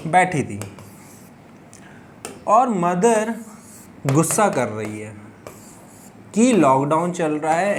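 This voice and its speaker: A man's voice: fairly high pitch, slight background noise. A male physics teacher telling a classroom story, often checking in with his students and asking and answering his own questions. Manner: storytelling with frequent check-ins like "ठीक है". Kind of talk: classroom lecture explaining by story.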